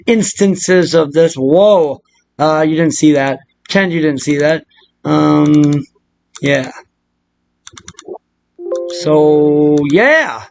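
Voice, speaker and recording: A man with a notably high-pitched voice presents a game editing tutorial, casually improvising a screen-share modding walkthrough. He thinks aloud loosely, rambling and irreverent.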